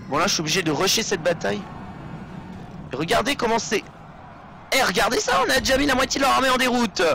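A man's voice: high-pitched, pushed and bright, slight background noise. A young man giving casual, rambling gameplay commentary, joking and swearing as he plays. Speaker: let's play commentator.

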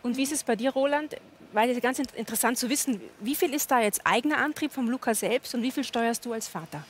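A woman hosts a studio talk show, asking one curious question after another in a friendly way. Her voice sits a little higher than most women's. A faint noise hums under the studio sound. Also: fast talker. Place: TV studio with audience.

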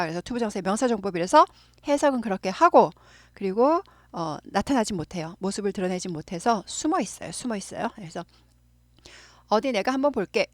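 A middle-aged woman who teaches English, explaining phrases in Korean and repeating them slowly for practice. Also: medium pitch, no room sound, studio quality.

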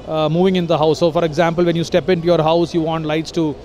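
Man, thirties, high pitch, lots of "uh", consultant interview at a trade show. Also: little pitch movement, quick pace, darkish tone. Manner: explanatory, many hesitations. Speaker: lighting design consultant. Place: busy expo hall. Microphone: handheld mic from interviewer.

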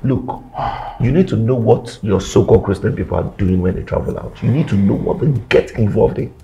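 An actor playing a cynical, pushy, worldly friend in a film drama, scoffing, with a Nigerian accent. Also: male voice, on the low side, fairly quick, vocal fry, poor audio. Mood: scornful. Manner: scoffing, animated.

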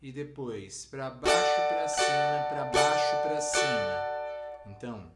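A man with a Brazilian Portuguese accent teaching a cavaquinho lesson, explaining each step slowly and patiently. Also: medium pitch, animated, over loud music. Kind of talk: music lesson instruction. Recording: roomy sound with instrument playing.

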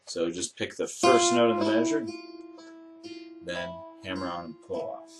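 A man giving a methodical, step-by-step guitar lesson as a teacher, explaining in a measured way. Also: sits low, rough recording. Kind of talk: instructional demonstration with step-by-step explanation. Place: indoor room with instruments. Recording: acoustic guitar playing around the voice. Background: acoustic guitar notes and plucking.

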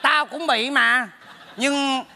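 A man's voice: extremely high pitch, vocal fry, noisy background, heavily acted. A man playing a meddling neighbor in a stage comedy sketch, brash and teasing. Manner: brash, teasing, rapid scolding. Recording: stage hall with long reverb.

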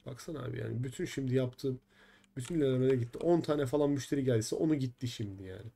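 A man's voice: mid-range voice, fast, gravelly, dark tone, faint music behind. A young man live-streaming a simulator game, chatting with viewers and swearing in frustration at its bugs. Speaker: gaming streamer.

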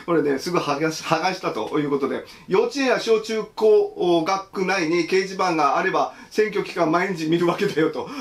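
A man hosting a casual livestream, reading viewer comments aloud and chatting about each one, laughing often. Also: on the high side. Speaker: host.

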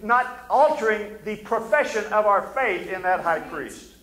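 An older man preaching a fervent sermon from a church pulpit, often sinking to low, intense tones between amens. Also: lively intonation, measured pace, a bit bright. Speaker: pastor. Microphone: pulpit mic. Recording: echoey sanctuary.

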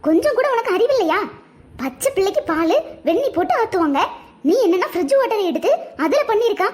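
Woman doing a shrill fast-talking grandma. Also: very animated, a little mellow. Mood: scolding. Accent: Tirunelveli Tamil. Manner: scolding, then coaxing. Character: scolding but soft-hearted grandmother. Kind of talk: cartoon voice acting.

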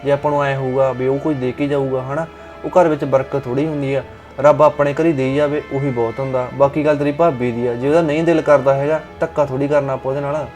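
A young man plays a Punjabi husband who soothes his upset wife. He talks fast and reassuringly, with music running under his lines. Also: mid-range voice, steady tone, darkish tone, lightly acted. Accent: Indian Punjabi. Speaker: husband in a family drama. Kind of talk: village web drama acting. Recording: background music under dialogue.

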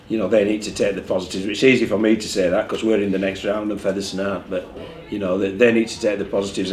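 A man's voice: fairly low pitch, a little mellow. A man, a rugby league head coach speaking candidly at a post-match press conference, often repeating words as he thinks. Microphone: desk mic in front of him. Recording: echoey room with faint background hum.

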